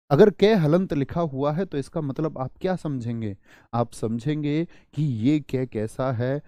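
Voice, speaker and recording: A man's voice: medium pitch, mellow, no room sound. A man teaching a beginner lesson, repeating phrases, asking the class questions and acting out the students' imagined replies.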